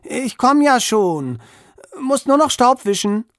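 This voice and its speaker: Guy doing a cheeky little boy, storybook read-aloud, slightly husky, dry sound. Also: fairly high pitch, very animated, normal speed, dry recording, full character voice. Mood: boastful. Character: cheeky boy who fibs and boasts.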